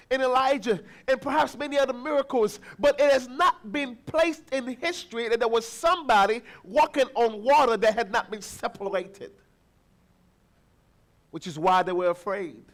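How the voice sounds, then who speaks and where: A man preaching a sermon as pastor, telling a family story and acting out the people in it, with bursts of shouting. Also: very high-pitched, moderate pace. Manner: animated, acts out voices, shouts encouragement.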